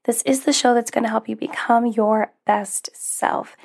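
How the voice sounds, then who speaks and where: A young woman who is a podcast host and life coach talks casually on her solo podcast, upbeat and encouraging, with frequent little laughs and fillers. Her voice is on the high side, steady, creaky, and darkish, at a measured pace. She's recovering from losing her voice, so it sounds a bit strained and may crack.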